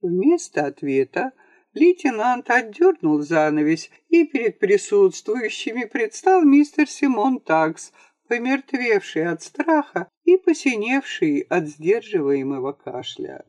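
An audiobook reader telling a comic story with a wry, theatrical touch. The pitch rises and falls a lot, and the dry home-studio voice-over has almost no echo. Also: very animated, measured pace, a little mellow. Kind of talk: scripted narration of a comic story.

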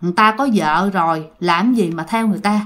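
A woman's voice: fairly low pitch, fast, a bit bright, pitched below the performer's own voice, natural voice. A woman voicing an older village woman who firmly coaxes a spirit to leave.

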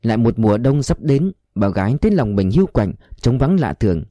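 A man narrating a novel audiobook in a measured, expressive storytelling manner. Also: mid-range voice, no echo.

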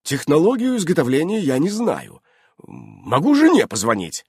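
A man's voice: on the high side, wildly swooping pitch, normal speed, darkish tone, breathy edge, no room sound, clean studio sound, pitched above the performer's own voice, exaggerated voice. A man voicing a stiff, formal grown man, a dragon in human shape, who speaks solemnly and takes offence easily. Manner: solemn, officious, sulky. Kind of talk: audiobook character voice.

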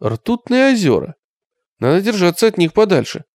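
A man voicing a withdrawn, haunted survivor, speaking quietly and slowly in an audiobook. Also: high-pitched, big pitch swings, dry recording, clean studio sound, pitched above the performer's own voice. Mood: uneasy. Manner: quiet, brooding, slow. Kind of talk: audiobook character reading.

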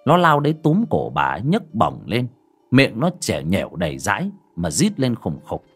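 A man's voice: lowish voice, huge pitch swings, moderate pace, husky, soft background music. A man narrating a horror story in a dramatic storytelling manner.

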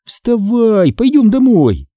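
A man voicing an excited young girl who bosses her little brother around, eager and full of exclamations. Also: high-pitched, normal speed, no echo, lo-fi sound, pitched above the performer's own voice. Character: excited young girl, bossy older sister.

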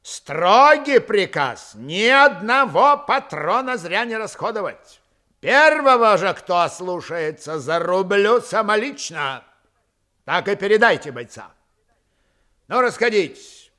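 A man's voice: high voice, very animated, unhurried, long pauses, fairly bright tone, voice pushed up, heavily acted. A man voicing a stern Cossack rebel commander who barks curt orders and threats.

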